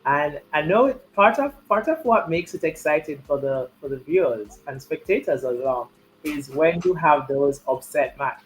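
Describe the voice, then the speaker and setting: A man's voice: on the high side, animated, moderate pace, noisy background. A man giving live chess commentary and chatting, repeating his key points for emphasis.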